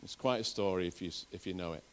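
Earnest Northern English preacher. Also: male voice, low voice, quick pace. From England. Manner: earnest, personal storytelling with frequent restarts. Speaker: pastor. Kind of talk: sermon.

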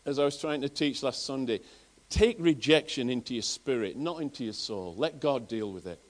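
A man's voice: medium pitch, moderate pace. A middle-aged man preaching to his congregation in a Northern English accent. He tells personal stories earnestly, circling back and restarting his words as he goes. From England. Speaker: pastor. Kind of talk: sermon.

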